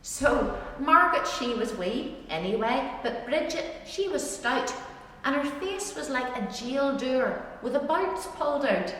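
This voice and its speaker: A woman's voice: high voice, lively intonation, unhurried, a bit bright, slight background noise. A woman with an Ulster Scots accent from Northern Ireland gives an informal talk explaining dialect words, chatting and putting questions to her listeners. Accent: Ulster Scots, Northern Irish. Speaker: presenter teaching dialect words. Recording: very echoey hall, distant microphone.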